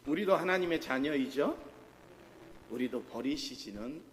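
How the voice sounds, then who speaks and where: In a reverberant church sanctuary with faint ambience and slight background noise, a middle-aged pastor preaches a sermon. His mid-range voice is expressive and unhurried, and he often puts questions to the congregation.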